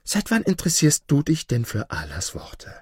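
A man telling a fable aloud, his pitch moving widely as he voices a sharp-tongued fox. His voice is slightly husky, recorded close and dry. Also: normal speed, no echo. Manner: lively storyteller voicing a clever sly fox. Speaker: narrator. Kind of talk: storytelling narration.

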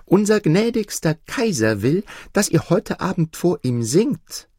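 A man voicing a poor little kitchen maid in a storybook reading, with a high, soft girlish voice and a tender, eager manner. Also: very animated, measured pace, no room sound, studio quality, heavily acted.

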